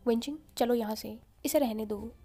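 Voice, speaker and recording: A woman's voice: a little high, normal speed, mellow, slightly rough, faint music behind. Woman voicing an irritable mocking young man. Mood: irritated.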